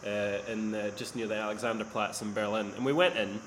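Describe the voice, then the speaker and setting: A man's voice: fairly low pitch, fairly even intonation, quick pace, fairly bright tone, a little hiss or hum. A man hosting a podcast in casual, rambling, self-deprecating chat, his voice echoing around a near-empty living room into a laptop mic. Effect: echoey sound from a near-empty living room. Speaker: podcast host. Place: sparse living room, indoors.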